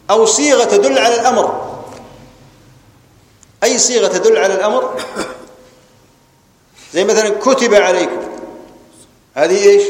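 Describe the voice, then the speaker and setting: A man with a Levantine Arabic accent giving a religious lesson, stern and repeating his definitions. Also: high-pitched. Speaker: religious teacher. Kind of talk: lecture on Islamic jurisprudence. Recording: echoey hall with long reverb.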